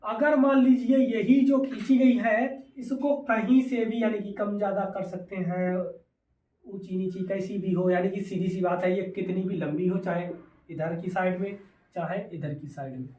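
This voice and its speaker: A man's voice: sits high, fairly even intonation, normal speed, dark tone, recorded from a distance. A male teacher giving a physics lesson, asking questions and answering them himself, mixing in English terms. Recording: echoey room, voice away from mic.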